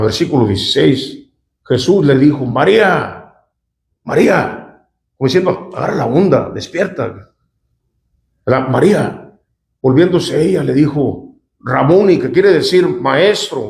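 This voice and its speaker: A man's voice: mid-range voice, vocal fry, darkish tone, echoey room. A male pastor reads scripture and comments on it in a conversational way, often turning to the congregation with "¿verdad?". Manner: conversational, often asks the congregation "¿verdad?" and "¿cuántos dicen amén?". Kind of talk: sermon reading scripture aloud with commentary.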